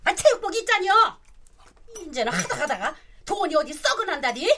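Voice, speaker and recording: Loud radio drama mom, played by a woman, high and sing-song, nagging nonstop, hissy recording. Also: big pitch swings, normal speed, exaggerated voice. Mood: scolding. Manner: scolding, sighing, fussy. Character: nagging rural mother, loud and fussing.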